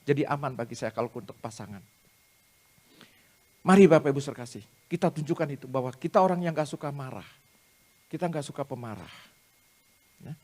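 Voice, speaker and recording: A man's voice: medium pitch, lively intonation, fairly quick, pauses often, darkish tone. A man giving a sermon at a prayer meeting, addressing the congregation directly and telling personal stories with self-deprecating humor.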